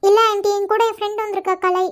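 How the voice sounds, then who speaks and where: Brief: chatty college-girl friends in a cartoon, very high and squeaky, recorded bone-dry. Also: little pitch movement, fast talker, dry recording. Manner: chatty, teasing. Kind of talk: cartoon voice acting.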